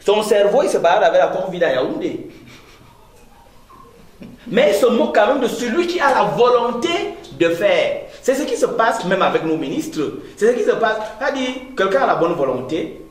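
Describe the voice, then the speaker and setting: In interview talk, a Cameroonian man in his 30s, a company director appearing as a guest, speaks emphatically and rhetorically. His pitch sweeps broadly up and down. The setting is an echoey room carrying faint noise.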